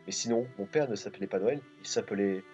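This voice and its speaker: A man's voice: lowish voice, fast, dark tone, soft background music, natural voice. A man reading a bewildered amnesiac young hero. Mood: puzzled. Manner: bewildered, questioning. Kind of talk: reading game dialogue aloud. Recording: dull lo-fi recording.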